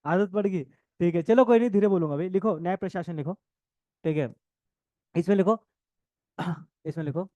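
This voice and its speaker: A man teaching a coaching class, dictating notes and repeating phrases, talking fast and joking with students now and then. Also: high-pitched, dark tone, dry recording, highs cut off. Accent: north Indian Hindi. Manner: jokes with students, laughs often.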